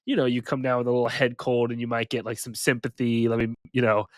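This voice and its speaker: A man's voice: mid-range voice, little pitch movement, fast talker, no echo. Sick male podcast co-host, nasal and congested, self-deprecating, dry close mic. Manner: self-mocking, laughing between points. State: sick with a head cold, nasal. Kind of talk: casual sports chat.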